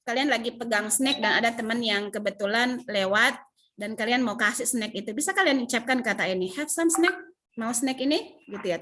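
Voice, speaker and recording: An Indonesian woman with an Indonesian accent teaches an English lesson over a video call from home. Her voice is on the high side and fairly bright, and she patiently repeats English phrases and explains them in this online class.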